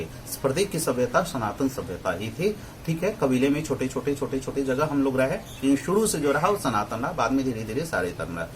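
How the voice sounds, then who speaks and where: A man giving a pronunciation lesson, demonstrating vowel sounds slowly and often checking in with his listeners. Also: medium pitch, slight background noise. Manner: digresses into opinionated asides. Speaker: Hindi pronunciation teacher. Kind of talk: lecture explaining vowel articulation.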